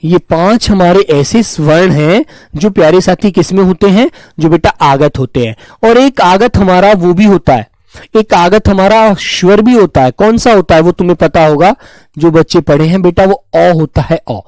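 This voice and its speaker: A high-voiced man teaches grammar to an online class, fondly calling his students dear children and slowly repeating each term. He pauses to respond to viewers' comments. The audio is poor, dry and close with no echo, and his voice is a little mellow.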